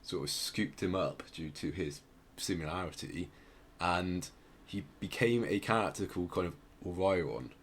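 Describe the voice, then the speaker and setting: A low-pitched podcast co-host talks at a moderate pace with few pauses while casually explaining a musician's story. He's hesitant, often looping back to put things another way, and a little hiss or hum can be heard.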